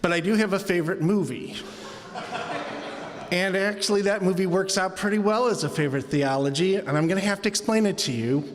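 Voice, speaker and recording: A man starting a live story on stage, casual and a bit halting. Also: sits high. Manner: casual, slightly halting, with fillers. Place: stage in a hall before a live audience. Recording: reverberant hall.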